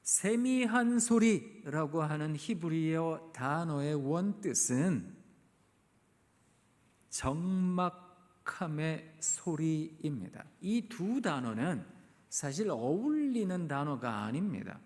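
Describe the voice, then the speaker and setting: A man preaching a sermon in a church sanctuary, retelling a story dramatically and slowing down for emphasis. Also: on the high side, very animated, a little mellow. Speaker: guest preacher, professor. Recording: echoey church hall.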